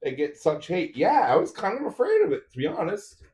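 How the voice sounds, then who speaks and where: A man's voice: high voice, wildly swooping pitch, a little fast, darkish tone. A man streaming a 3D printer build, chatting casually with viewers while he assembles parts. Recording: roomy echo.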